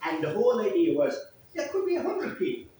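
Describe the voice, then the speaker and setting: A middle-aged Irishman with a Cork accent and a high-pitched voice hosts an informal storytelling session. He is chatty and wanders off on digressions. The sound is very roomy and picked up from a distance. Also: wildly swooping pitch, a little fast, dark tone. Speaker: traditional storyteller hosting a library event. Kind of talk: informal storytelling and chat with an audience. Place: indoors in a library, audience room. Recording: echoey room from far off, faint noise.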